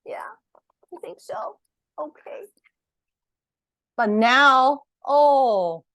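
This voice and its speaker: An animated woman reads her picture book to a group of children, her pitch rising and falling freely and her pace slow and patient. She keeps stopping to ask the kids questions and cheer them on, with a dry, close sound. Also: dry recording. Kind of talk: storytime read-aloud.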